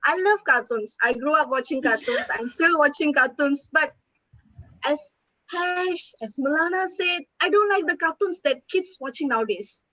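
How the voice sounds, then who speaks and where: A young woman hosting a casual student livestream chat, animated and emphatic. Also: high-pitched, moderate pace, no room sound, low-quality recording. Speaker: student council host.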